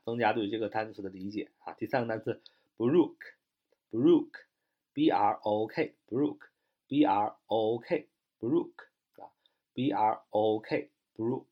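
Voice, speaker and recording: A man with a slightly husky voice gives an English vocabulary lesson, his pitch rising and falling in lively swings. He spells words out letter by letter and reads the English example sentences slowly, with a drawn-out "ah" between phrases. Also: muffled recording. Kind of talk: explanatory lesson.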